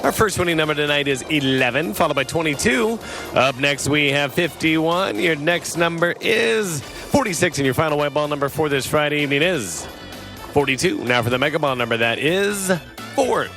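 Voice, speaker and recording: A man's voice: a little high, expressive, normal speed, fairly bright tone. A man hosting a televised lottery draw, announcing in an upbeat, scripted presenter style. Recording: music behind the voice.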